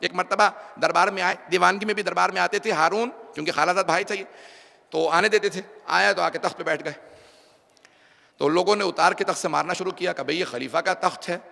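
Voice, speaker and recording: A man's voice: high voice, steady tone, fairly quick, vocal fry, pushed and bright. A male preacher telling a story in a sermon, dramatic and acting out the dialogue, heard with long hall reverb. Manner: dramatic orator who acts out the story's dialogue. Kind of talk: Urdu religious sermon storytelling.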